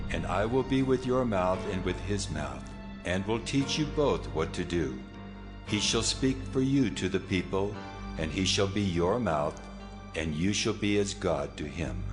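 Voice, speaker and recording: In a dramatized scripture audio production, an actor with a deep male voice plays a solemn, commanding, almighty God. He declaims sternly and with authority, his voice carried by a long, cavernous reverb over loud music.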